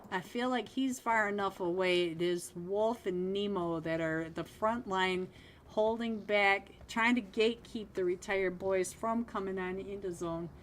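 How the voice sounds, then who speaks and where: A woman commentating a live mobile esports match on her own stream, in an easy chatty voice of middle pitch. She talks to her viewers, lifts sharply at big plays, and sounds a little worn as her voice goes. A faint hiss sits under the recording. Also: measured pace. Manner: chatty, upbeat, bursts of excitement at plays. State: losing her voice. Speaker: esports caster. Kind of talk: solo live game commentary.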